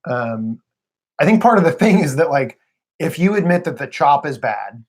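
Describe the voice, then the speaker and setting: A man's voice: fairly high pitch, big pitch swings, normal speed, breathy edge. A man co-hosting a live stream, chatting casually about baseball and often hedging his points. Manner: musing, hedging, says "I don't know" often.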